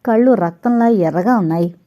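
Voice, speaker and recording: Woman reading an audio novel, mellow. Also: mid-range voice, a little fast, highs cut off. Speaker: narrator.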